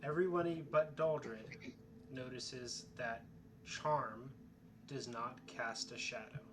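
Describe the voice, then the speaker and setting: Slow-talking man running a tabletop game. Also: medium pitch, steady tone, background noise. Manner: halting, slow narration with fillers. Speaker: dungeon master.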